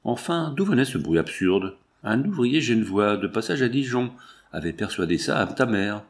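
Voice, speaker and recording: A man's voice: on the low side, animated, normal speed. A man voicing a talkative young working-class mechanic with folksy, exclamatory slang. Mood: hearty.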